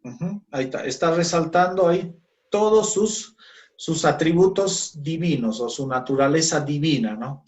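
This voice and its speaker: A man with a slightly high, darkish voice teaches a Bible class on Christology. He speaks slowly and keeps checking in with his students by asking "¿ya?" and "¿no?".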